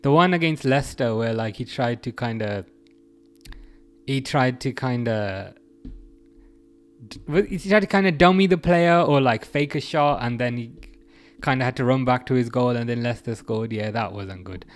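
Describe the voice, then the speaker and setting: Speaking at a normal speed in a medium-pitched voice, a young man hosts a laid-back football livestream with faint music behind him. He reads the chat aloud and rambles, often restarting his thoughts.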